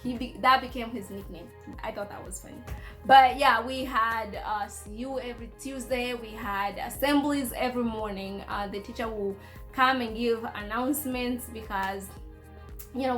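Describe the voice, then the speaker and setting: High-voiced young woman telling stories casually. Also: steady tone, normal speed, a bit bright, soft background music. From Congo, schooled in Kenya. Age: young adult. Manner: conversational, informal, playful asides. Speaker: vlogger sharing personal experiences. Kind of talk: casual storytelling chat.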